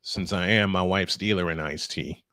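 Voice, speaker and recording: A play-by-play announcer and host calls live baseball in punchy, clipped phrases mixed with casual chat. His voice is low-pitched and sharp at a moderate pace, captured in a clean studio with no room sound.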